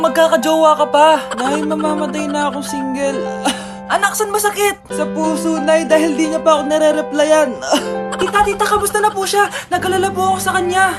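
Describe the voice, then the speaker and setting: Brief: high-pitched woman, one-person comedy skits, flips between loud scolding and small voices, music bed. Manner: switches between shouted scolding and soft childish voices. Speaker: comedy sketch creator. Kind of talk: comedic skits voicing every character.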